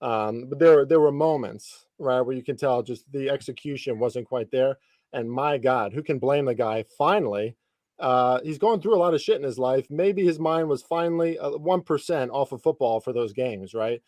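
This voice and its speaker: Talking sports with a guest on his podcast, a man in his thirties keeps it informal and slangy, swearing lightly here and there. He speaks at a moderate pace in a slightly mellow mid-range voice, and the audio is dry.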